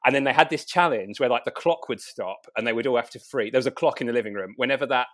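A man's voice: medium pitch, fairly bright tone. A British man, a writer and journalist, guesting on a podcast, rambling through stories with many restarts. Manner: rapid, rambling storytelling with many restarts and self-interruptions. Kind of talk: casual chat.

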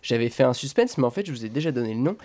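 A man's voice: medium pitch, expressive, very fast, a little mellow. A man hosting a comics podcast, reading his scripted intro and review in a playful, self-mocking way with theatrical emphasis.

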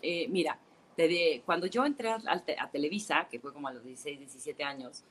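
A woman with a Mexican accent, chatting as a guest in an interview and telling animated stories full of fillers, heard over a phone call. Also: sits low, brisk, husky. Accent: Mexican Spanish. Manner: animated storyteller, many fillers like "este" and "o sea". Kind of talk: casual interview chat.

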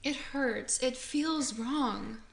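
A woman co-hosting a casual chat, talking in an animated way with gasps, laughs and big exclamations. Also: high voice, extremely slow, creaky, a crowd in the background. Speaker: co-host.

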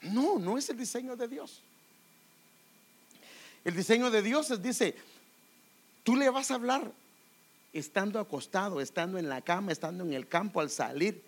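A man, a middle-aged pastor, delivers a sermon with lots of energy. His voice sits high and swings widely in pitch. He keeps turning to his listeners directly, calling them brother. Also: normal speed, long pauses. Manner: animated preaching, addresses listeners as brother.

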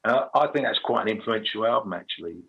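A middle-aged man with a gravelly, husky voice, telling anecdotes casually as an interview guest. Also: lowish voice, animated, fast talker, dull audio.

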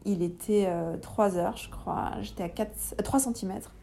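A woman's voice: medium pitch, moderate pace, vocal fry, a little hiss or hum. A woman in her thirties, a podcast guest candidly telling her own story and acting out the dialogue. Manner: lively retelling, acting out dialogue with laughs.

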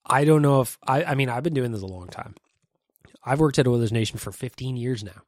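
A man's voice: medium pitch, a little fast, darkish tone, no echo. Wry Canadian man hosting a podcast. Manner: wry and self-deprecating. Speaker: podcast host. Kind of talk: casual podcast chat. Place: home studio, alone. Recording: dry close mic with faint music.

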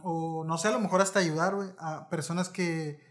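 A man hosting a casual chat, asking halting questions full of fillers. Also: on the high side, steady tone. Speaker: podcast host.

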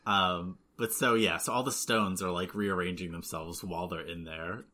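A podcast co-host with a very low voice, recapping the plot in a relaxed, unhurried way. The talk is casual and full of "like" and "yeah". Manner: laid-back plot summarizing. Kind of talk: casual book-club chat.

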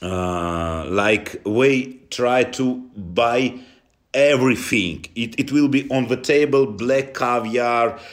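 A man with a Russian accent answering interview questions in halting non-native English, often dropping articles. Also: mid-range voice. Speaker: interview guest from a football club.

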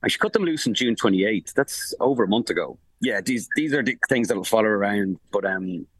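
A man reporting on football for a podcast, his words tumbling out at high speed with frequent restarts and fillers. His voice sits low, and the recording is dry and close. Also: breathy edge, no echo, low-quality recording. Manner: rapid, animated, full of restarts and fillers. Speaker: sports journalist reporting from the tournament. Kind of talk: casual podcast analysis. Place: remote link from abroad.

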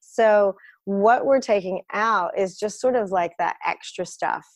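A woman's voice: medium pitch, a little slow, no echo. A woman guest who works as a colon hydrotherapist and who grew up in the United States, explaining her work frankly with plenty of fillers. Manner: practical, frank, lots of fillers. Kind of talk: explanatory interview talk.

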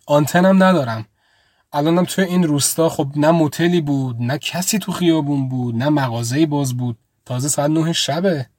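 A man's voice: on the high side, darkish tone, no room sound, clean studio sound, natural voice. A man reading an audio story, voicing a young woman traveler who politely and hesitantly asks a stranger for help. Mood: apologetic.

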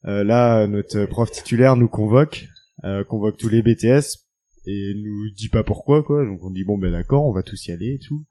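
A young man telling a party story in casual chat, pausing often as he talks. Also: on the low side, mellow. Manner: halting, full of hesitations. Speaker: guest telling a party anecdote.

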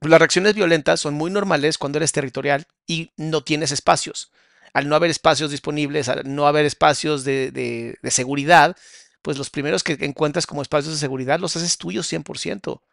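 A man's voice: on the high side, steady tone, a little fast, vocal fry, a bit bright, no room sound, clean studio sound. A man, a therapist host, commenting between clips and giving listeners direct advice.

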